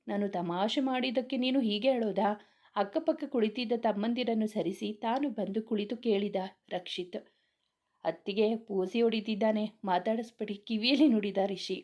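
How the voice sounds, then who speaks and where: A woman narrates a romance story, reading each character's dialogue herself in one steady narrating voice. Her tone is mellow and warm. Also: medium pitch.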